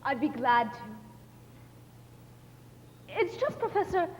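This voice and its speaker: Teen girl as a prim librarian, very high voice, hesitant, reverb, dull and hissy stage recording. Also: big pitch swings, slow pace, full character voice. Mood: polite. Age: teens. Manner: polite and hesitant. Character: prim young female librarian, polite and reserved. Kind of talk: high school musical theater acting.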